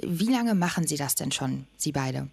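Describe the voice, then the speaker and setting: A woman's voice: sits low, lively intonation, moderate pace, vocal fry, darkish tone, husky, no room sound. A woman hosting an interview podcast, asking questions and introducing guests. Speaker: podcast host.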